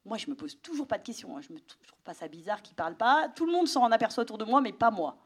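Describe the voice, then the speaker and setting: A woman's voice: on the high side, quick pace, husky. A middle-aged woman giving a personal testimony to an audience, telling her story with animation and sometimes dropping to a whisper. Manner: animated storytelling, drops to a whisper for inner thoughts.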